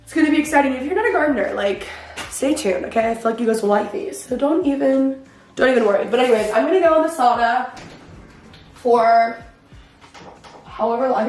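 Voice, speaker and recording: A woman's voice: a little high, animated, quick pace, a little mellow, reverberant, soft background music. A young woman chatting casually to the camera for her vlog, full of fillers and self-mocking asides, recorded in her home garage. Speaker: vlogger.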